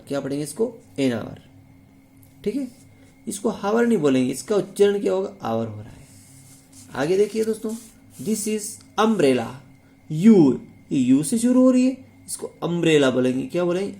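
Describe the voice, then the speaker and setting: Man, Hindi accent, English grammar teacher, warm mellow tone, repetitive questioning. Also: a little high. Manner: repeats words and asks rhetorical questions. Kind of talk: classroom-style video lesson.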